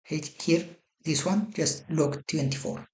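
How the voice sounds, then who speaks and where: A software tutorial presenter walking through a program step by step, often hunting for words and correcting themselves mid-phrase. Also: medium pitch, echoey room. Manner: halting, searches for words, repeats "some kind of". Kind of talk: screen-recorded software walkthrough.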